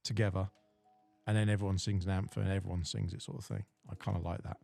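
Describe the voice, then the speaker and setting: Gravelly low-voiced man podcast co-host. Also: level tone, quick pace, a little mellow, soft background music. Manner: rambling, jokey, many fillers. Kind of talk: casual podcast chat.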